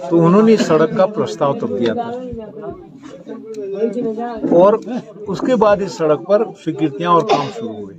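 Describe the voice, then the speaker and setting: A man's voice: a little high, very animated, normal speed, pauses often. A middle-aged man, a politician, speaking earnestly and repetitively to villagers in an outdoor campaign speech, self-assured in tone. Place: village courtyard in rain. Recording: dull lo-fi outdoor recording with crowd.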